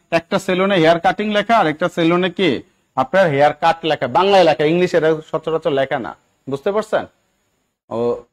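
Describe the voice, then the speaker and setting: A male English grammar teacher with a Bangladeshi Bengali accent runs a live online exam-prep class. His voice sits a little high for a man. He keeps asking the class questions and coaxing answers, checking often that everyone follows.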